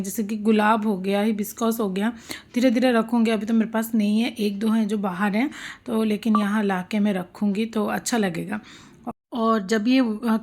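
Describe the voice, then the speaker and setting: Woman in her thirties, home vlog voice-over, chatty, amused, fillers, slightly high voice. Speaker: vlogger; mother and homemaker. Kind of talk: casual vlog voice-over narration.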